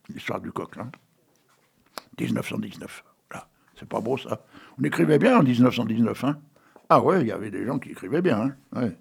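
Gravelly, husky middle-aged radio host. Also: male voice, medium pitch. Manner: rambling, jokey asides, slow deliberate reciting. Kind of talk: casual chat and poetry reading. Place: radio studio.

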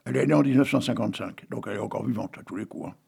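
Gravelly older man reading aloud. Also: medium pitch, very fast, a little mellow. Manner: theatrical reading with wry joking asides. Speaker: reader. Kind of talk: reading stories and poems aloud.

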